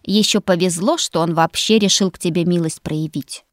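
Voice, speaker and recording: A woman's voice: fairly low pitch, moderate pace, dry recording, studio quality, close to an everyday voice. A woman voicing a grumpy, strict female faculty keeper who scolds and scoffs. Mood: scolding. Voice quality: scolding, sharp and sceptical. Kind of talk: audiobook character voice.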